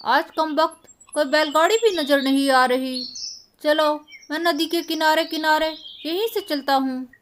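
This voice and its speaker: A woman's voice: high voice, measured pace, fairly bright tone, a little hiss or hum. A woman voicing a pompous middle-aged male village moneylender who groans and pants about his troubles. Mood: weary. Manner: groaning, panting complaints.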